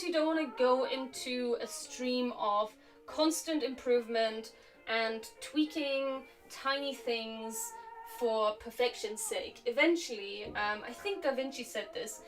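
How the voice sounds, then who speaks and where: A young woman with a high voice, a native Slovak speaker from Slovakia who grew up in Germany, chats casually and reflectively while crafting on a live stream. Her throat is slightly sore. She sounds relaxed, uses frequent fillers, and is recorded on a distant mic with faint music.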